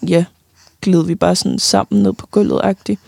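A young woman giving a halting, personal account of loss in an interview, often pausing and restarting, sometimes tearful. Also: medium pitch, level tone, gravelly, darkish tone, dry recording. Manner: halting, many fillers and restarts, tearful at times.

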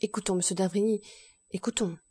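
A woman voicing a passionate, grief-stricken young man who speaks louder and faster. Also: medium pitch, steady tone, husky, natural voice. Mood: pleading. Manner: impassioned, louder and quicker.

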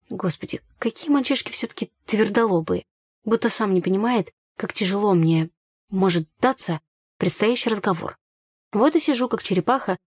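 Woman narrator, mid pitch, dry close recording, first-person audiobook read. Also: darkish tone, breathy edge, dry recording.

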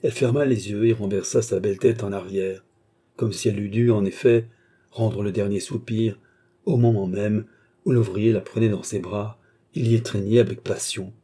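A man reading a novel aloud as narrator, dramatic and expressive. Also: on the low side, normal speed, breathy edge.

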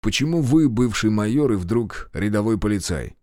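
A man voicing a calm male officer who questions curtly and with dry irony. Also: lowish voice, normal speed, no echo, natural voice. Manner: curt, ironic.

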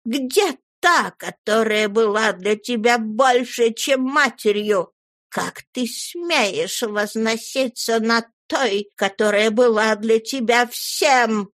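A frail old man in an audiobook drags out every word of his protest, as a woman reader puts him on. The delivery is very slow, slightly high and grave. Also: fairly bright tone, dry recording, studio quality. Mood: indignant. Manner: slow, solemn, thundering protest. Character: frail old man, fierce in sudden wrath.

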